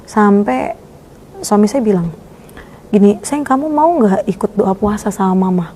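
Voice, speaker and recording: A woman's voice: mid-range voice, measured pace, a little hiss or hum. A young woman telling her personal story in a casual interview, acting out the voices of the people in it. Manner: lively storyteller acting out quoted dialogue. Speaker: guest sharing her conversion testimony.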